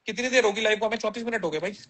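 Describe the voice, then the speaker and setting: A man's voice: sits high, racing, fairly bright tone. A man on a casual livestream, reading viewer comments aloud and answering them bluntly with plenty of slang.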